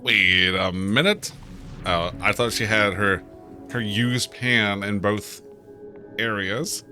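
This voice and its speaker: A man's voice: fairly low pitch, takes it slowly, music in the background. A man streaming a game, chatting casually, reading in-game posts aloud, playful and stumbling over words. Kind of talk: casual let's-play commentary.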